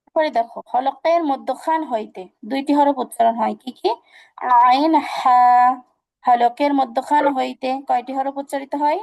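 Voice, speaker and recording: High-voiced woman teaching recitation. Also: gravelly, warm tone. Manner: patient, repeats examples slowly, asks students questions. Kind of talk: online class instruction.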